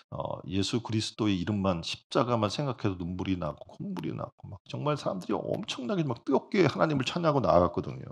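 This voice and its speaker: A male pastor preaching a sermon in an animated way, often putting rhetorical questions to the congregation. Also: fairly low pitch.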